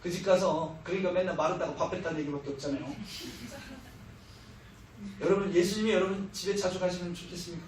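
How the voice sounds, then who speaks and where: A man's voice: high voice, steady tone, fast, long pauses, slight background noise. A middle-aged man preaching as a missionary speaker, telling stories with humor and acting out what people said. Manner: humorous storytelling, acting out quoted lines. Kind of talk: sermon. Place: church hall. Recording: echoey hall, heard from far off.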